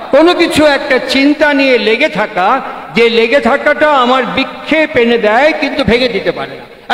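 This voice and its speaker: A man with a very high voice gives a spiritual discourse, piling up rhetorical questions and repeating key phrases for emphasis. His voice rings through a large hall with a long, echoing reverb. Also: a bit bright. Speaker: speaker at a devotional gathering.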